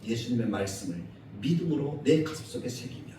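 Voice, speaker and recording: A male pastor delivering a Sunday sermon in a church, animated, acting out quoted scolding in a raised voice. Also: mid-range voice, fast, a little hiss or hum. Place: church sanctuary. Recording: echoey church hall, mic at a distance.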